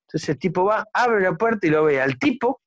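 A man with an Argentine accent telling crude jokes in a casual chat, acting out the characters with shouted lines and asides. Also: high voice, fairly quick, no echo. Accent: Argentine Spanish. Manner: animated, acts out joke characters with shouting and asides.

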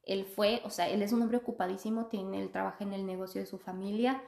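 Gravelly-voiced young woman telling a story. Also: mid-range voice, a little fast. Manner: chatty, animated, laughs often. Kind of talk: casual storytelling. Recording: echoey room.

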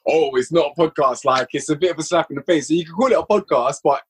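A man with a fairly high, breathy voice talks fast as a guest on a podcast. He writes and produces audio drama, and in this casual conversation he explains his work at length, often restarting his sentences.

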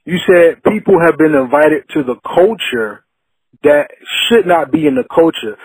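A man interviewing a guest in a conversational, reflective way, deliberately building up to his questions. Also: fairly high pitch, expressive, a little mellow, husky, no echo, rough recording.

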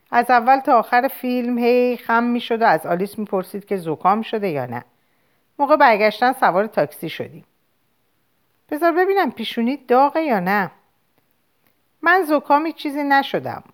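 A woman reading a novel aloud in first person, in an expressive, conversational storytelling manner. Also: on the high side. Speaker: audiobook reader. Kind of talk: audiobook narration in first person.

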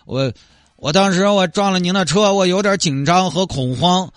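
A man's voice: high voice, normal speed, no echo, studio quality, voice pushed up, natural voice. A man voicing a sheepish young man who hit a car, hesitant and apologetic.

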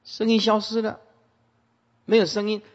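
A man giving an animated Buddhist sutra lecture, repeating commands to his listeners, with a husky voice. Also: high-pitched, moderate pace. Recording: muffled, echoey hall.

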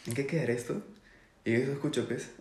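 A man's voice: mid-range voice, fairly even intonation, fast. A young man telling a crude story on a casual podcast, laughing a lot and using crude slang. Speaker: podcast co-host. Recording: echoey room.

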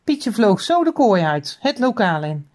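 Expressive woman reading a children's book. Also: medium pitch, a little slow. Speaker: storyteller.

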